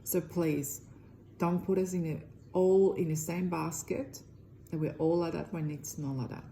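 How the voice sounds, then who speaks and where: A middle-aged woman with a Croatian accent talks earnestly to camera about her healing work. Her voice sits low and mellow, and her English is loosely phrased. A faint hiss runs underneath. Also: fairly even intonation, measured pace, creaky, rough recording. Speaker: energy healer. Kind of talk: direct-to-camera self-promotion.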